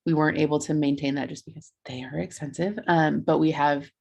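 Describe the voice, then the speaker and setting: A woman's voice: low voice, steady tone, a little fast, vocal fry, darkish tone. A young adult woman on a video call, earnestly explaining how her campus food pantry runs, with frequent ums and likes. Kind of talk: conference presentation over video call.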